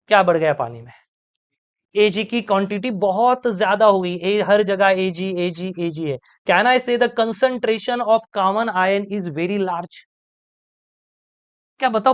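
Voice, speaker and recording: A man teaching a chemistry lecture in a playful way, firing quick questions at the class and answering them himself. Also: high voice.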